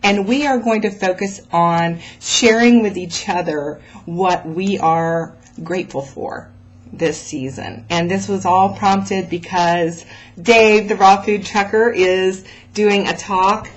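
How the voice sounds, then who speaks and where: A woman hosting a raw food vlog encourages her followers in a relaxed, motivational way, speaking straight to the listener and stressing her points. She has a medium-pitched voice and talks slowly.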